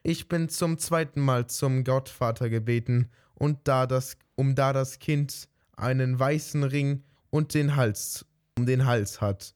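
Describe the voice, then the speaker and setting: A man's voice: mid-range voice, takes it slowly, a little mellow, smooth, lightly acted. A man voicing a sly, greedy female cat who coaxes and sweet-talks in a fairy-tale reading. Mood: coaxing. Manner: coaxing, sweet-talking.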